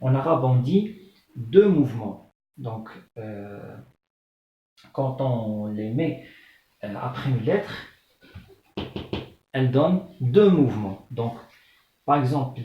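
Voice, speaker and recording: A man teaching an Arabic lesson, patiently sounding out syllables one by one and repeating them. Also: medium pitch. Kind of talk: slow spelled-out language lesson. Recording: echoey room, dull lo-fi sound.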